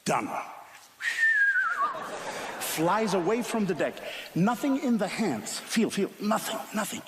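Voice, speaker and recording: A man's voice: high-pitched, sing-song, slow. A man from Finland with a Finnish accent, performing stage magic patter with playful, chatty remarks to two volunteers. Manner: playful, gesturing while talking. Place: TV studio stage with live audience. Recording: roomy studio with loud crowd and noise.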